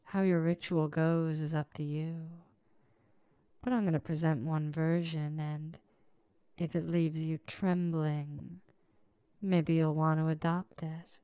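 Woman with a dark smooth voice, slow soothing hypnosis talk, dry close mic. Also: low-pitched, little pitch movement, no room sound. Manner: soft, soothing, drawn-out phrasing. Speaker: hypnosis audio creator. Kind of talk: slow scripted hypnotic narration.

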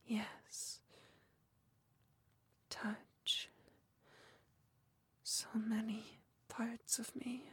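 A woman whispering softly and closely in an intimate ASMR roleplay. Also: fairly high pitch, slightly rough, no echo. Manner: soft unvoiced whisper, close and slow. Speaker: ASMR performer.

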